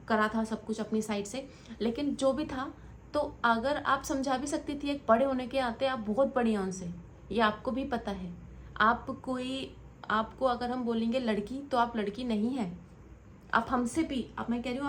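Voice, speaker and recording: Young woman vlogger, high voice, rambling and reproachful commentary. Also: normal speed, a little hiss or hum. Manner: earnest, scolding, rambling. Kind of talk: direct-to-camera commentary vlog.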